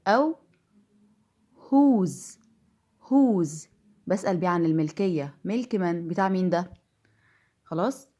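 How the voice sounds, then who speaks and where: A woman with an Egyptian Arabic accent teaching English pronunciation, patiently repeating each word slowly. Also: lowish voice, expressive, mellow. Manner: patient, repeats words slowly to drill them. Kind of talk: classroom-style lesson.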